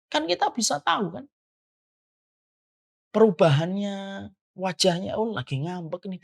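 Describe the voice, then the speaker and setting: A man's voice: high voice, creaky. A man giving a religious lecture as a preacher, asking rhetorical questions as he goes. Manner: animated, rising and falling delivery with rhetorical questions.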